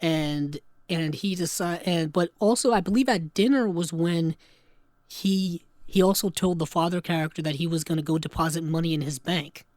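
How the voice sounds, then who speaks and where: A man co-hosting a casual film podcast, retelling scenes with lively put-on voices. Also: a little high, no room sound, clean studio sound. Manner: animated, acts out scenes in quick put-on voices. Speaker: podcast co-host.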